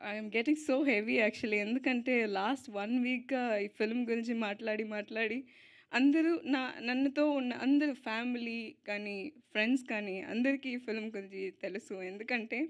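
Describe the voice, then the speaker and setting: A young woman speaking at an event on stage into a mic, switching between Telugu and English, halting with fillers and little giggles, slow and heartfelt. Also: fairly high pitch. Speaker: lead actress giving a speech. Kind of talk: emotional stage speech at a film event.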